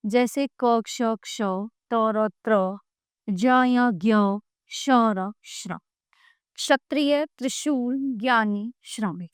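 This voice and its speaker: Brief: woman teacher reading a lesson slowly, fairly high voice, close and dry. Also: smooth, no room sound. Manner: slow, deliberate listing of letters with classroom asides. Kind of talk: reading a grammar lesson aloud.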